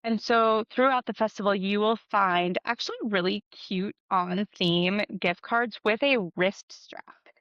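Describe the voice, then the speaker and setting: A woman's voice: mid-range voice, measured pace, fairly bright tone, dry recording. A woman in her thirties, a podcast co-host, chatting casually and giving practical tips with frequent ums. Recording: dull dry podcast audio.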